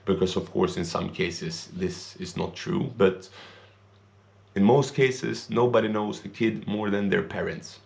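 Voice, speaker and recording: A young Swedish-raised man records a vlog in English, his fairly low voice creaky and unhurried. The monologue is an earnest, rambling opinion piece with non-native grammar.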